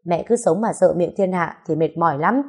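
A woman's voice: lowish voice, moderate pace, husky. A woman reading the part of a firm, earnest middle-aged man pressing his mother. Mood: insistent. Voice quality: earnest, persuasive.

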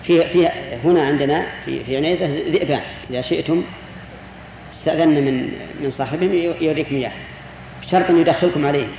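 A man's voice: fairly high pitch, quick pace, a little mellow. A man, a sheikh giving a classroom lecture on jurisprudence. He explains patiently, repeats key words and puts questions to his students. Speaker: sheikh teaching Islamic jurisprudence. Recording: roomy reverberant hall with faint hiss.

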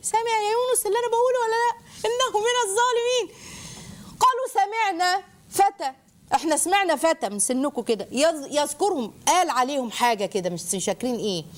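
A woman with an Egyptian accent tells a Quran story to children as a lesson, animated and full of questions to her listeners. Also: high-pitched. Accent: Egyptian Arabic. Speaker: religious teacher.

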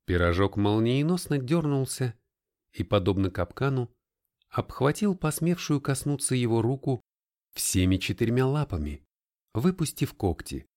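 An expressive male audiobook narrator reading fiction aloud. His pitch moves in a lively way, in a middle register. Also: moderate pace. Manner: expressive storytelling. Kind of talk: scripted narration.

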